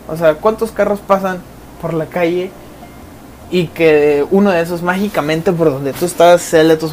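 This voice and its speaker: A young man with a Mexican accent, hosting a solo podcast and telling a story in casual, slangy speech with lively quoted asides. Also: a little high, a little hiss or hum. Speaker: podcast host.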